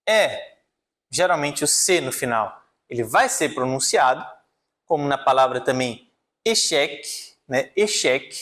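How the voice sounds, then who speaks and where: A man with a slightly high voice teaches a French pronunciation lesson. He explains each rule step by step, writing on a board as he goes. He keeps checking in with his listeners. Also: a bit bright. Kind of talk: online language lesson.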